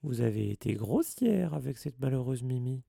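A man's voice: medium pitch, big pitch swings, moderate pace, gravelly, dark tone, no room sound, clean studio sound, exaggerated voice. A man voicing a sly, mischievous male poltergeist with a taunting, sing-song manner.

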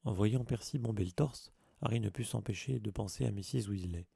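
Male narrator, low, heavy vocal fry, dark tone, dry close recording. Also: fairly quick, dry recording. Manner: even storytelling. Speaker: audiobook narrator. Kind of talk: scripted narration.

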